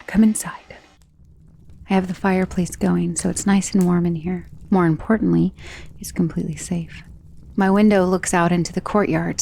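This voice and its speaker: A woman with a fairly low, dark-toned voice plays a powerful and self-assured female vampire in an intimate ASMR romance roleplay. The character is protective and possessive of her lover, and the delivery often falls to a breathy whisper.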